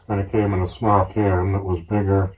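Deep, flat-voiced man talking through a gas mask. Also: moderate pace, muffled recording, slight background noise. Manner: steady, informative, plain-spoken. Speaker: collector reviewing military gear. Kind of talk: casual show-and-tell explanation.

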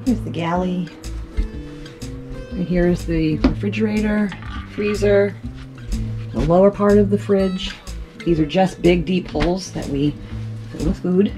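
A woman with a notably low voice gives a relaxed, chatty tour of her sailboat, filming on a handheld camera. She moves from the deck down into the cabin and points things out with the odd um. Loud music plays behind her voice. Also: measured pace, long pauses. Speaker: boat owner giving a tour. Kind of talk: casual walkthrough narration. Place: on and inside a sailboat at anchor, outdoors on deck then in the cabin.

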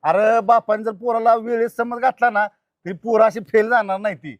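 A man playing a high-voiced village father. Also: fairly even intonation, normal speed, no echo, highs cut off, lightly acted. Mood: advising. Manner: pleading, scolding, emphatic. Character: distraught rural father defending his daughter. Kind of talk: short film acting.

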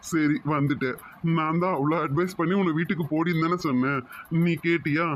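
A performer voicing a teasing but protective young man who calms his girlfriend, in an amateur audio romance story. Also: mid-range voice, a little fast, a little hiss or hum, natural voice. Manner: teasing, reassuring.

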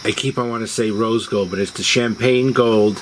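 On a porch at dusk, a man hosting a video recounts personal stories casually, his fairly low voice quick and fairly even in intonation. The recording is low quality, picking up outdoor noise and the chirp of crickets and insects.

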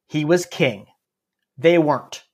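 A man's voice: a little high, slow. A man narrating a story podcast in a casual, snarky way, dropping wry asides as he goes.

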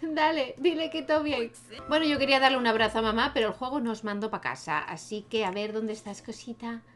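A chatty young woman with a Spain Spanish accent narrates her life-sim game in a casual let's-play style. She talks straight to her characters and laughs easily. Her voice sits a little on the high side. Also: fairly quick, faint music behind. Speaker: gaming youtuber.

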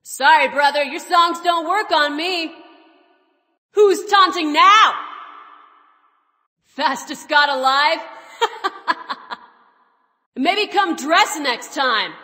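A defiant huntress goddess scoffs at her rivals in a video game. Her high, bright voice moves slowly with lively pitch, and long reverb trails it. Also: heavily acted. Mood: scornful. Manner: scornful, defiant. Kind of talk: video game taunt voice acting.

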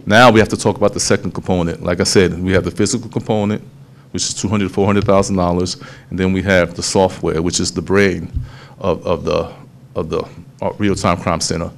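Deep-voiced man presenting to council. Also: fairly even intonation, fairly quick, creaky. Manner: explanatory, with frequent restarts. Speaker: police official presenting to city council. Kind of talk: public presentation at a town hall meeting.

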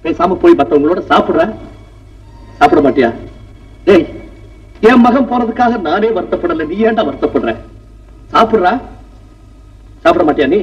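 A man's voice: sits high, lively intonation, moderate pace, pauses often. A stern grieving old father. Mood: coaxing. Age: older. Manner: commanding, then mournful. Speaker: family patriarch in a film. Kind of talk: 1960s film acting. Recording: dull distant old film soundtrack with music.

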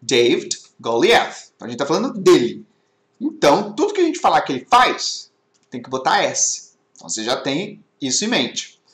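A man's voice: a little high, huge pitch swings, brisk, a bit bright. A man teaching an online English class, explaining with many rhetorical questions. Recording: echoey webinar audio.

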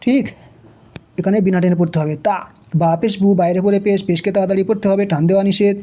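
A Quran reading teacher talks through a recitation lesson in a mellow, soft-edged voice at a mid pitch. Letters and vowel marks are spelled out slowly and each rule is repeated patiently. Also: fairly even intonation.

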